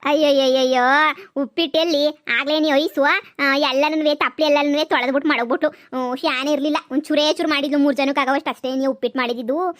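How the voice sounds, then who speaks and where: A woman's voice: high-pitched, fairly even intonation, natural voice. A woman voicing a greedy, gossipy old village grandmother who rambles on about food in a cartoon comedy. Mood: rambling. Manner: rambling, drawn-out, food-obsessed chatter.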